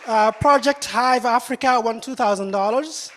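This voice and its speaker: A woman reading out a list of award winners in a steady way. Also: a little high, moderate pace. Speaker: awards presenter. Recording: hall reverb with crowd noise.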